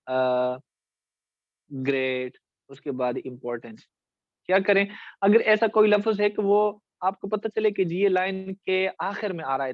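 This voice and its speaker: Speaking in a high voice with a Pakistani Urdu accent, a male teacher lectures his class about essay writing, regularly stopping to confirm his students are following. He pronounces words slowly and drawn out to highlight syllables. Captured dry and close with no echo, the audio comes across a little muffled and dull.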